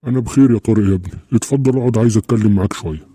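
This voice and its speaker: Over-60 Egyptian grandfather, fast and fretful, mellow tone, played by a man. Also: fairly low pitch, lightly acted. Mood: worried. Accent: Egyptian Arabic. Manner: pleading, fretful. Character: worried old grandfather, stubborn and protective. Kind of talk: Egyptian cartoon dub acting.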